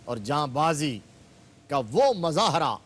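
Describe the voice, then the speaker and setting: A man's voice: on the high side, big pitch swings, fairly bright tone. A man, a religious scholar guest on a TV studio program, retelling history with fervor and rising emphatic stresses. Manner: fervent, building to emphatic exclamations. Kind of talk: religious TV discussion, storytelling.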